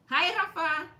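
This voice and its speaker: Bright high-voiced woman livestreaming. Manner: chatty, greets viewers by name, frequent apologies and laughs. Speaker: livestream host. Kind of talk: casual livestream chat with viewers.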